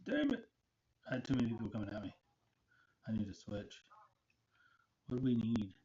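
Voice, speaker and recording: A man's voice: fairly low pitch, big pitch swings, moderate pace, mellow. A man streaming a video game, chatting casually and rambling with lots of fillers and restarts. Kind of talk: casual gaming chat. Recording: muffled with faint noise.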